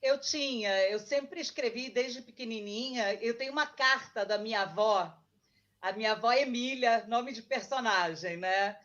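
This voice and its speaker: Woman, Argentine-born, guest author, casual chat, reminiscing, higher voice, muffled audio. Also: moderate pace, a bit bright.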